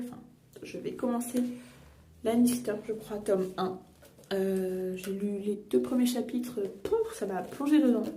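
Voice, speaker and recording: A woman's voice: medium pitch, warm tone. A young woman vlogger chatting casually while doing her makeup, rambling with many fillers and self-corrections. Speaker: beauty and books vlogger. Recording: echoey room, a bit far from mic, faint noise.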